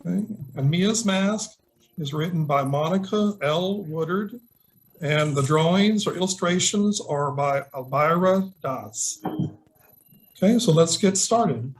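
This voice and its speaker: A middle-aged male nurse, appearing as a guest storybook reader, reads a picture book to young children over a video call and asks them simple questions. His voice is fairly high and unhurried, and the call is noisy with clicks.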